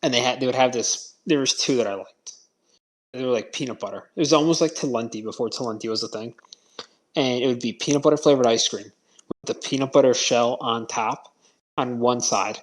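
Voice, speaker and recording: A man's voice: medium pitch, a little fast. A man co-hosting a podcast in casual, informal chat with a self-deprecating way of talking. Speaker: podcast co-host.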